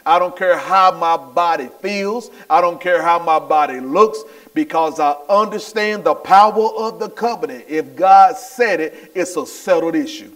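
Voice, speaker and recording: A male pastor preaching a sermon at a church service, getting excited, repeating his lines and calling on the congregation to answer back. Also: fairly high pitch, unhurried, few pauses. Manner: excitable, repeats phrases and calls for the crowd to answer.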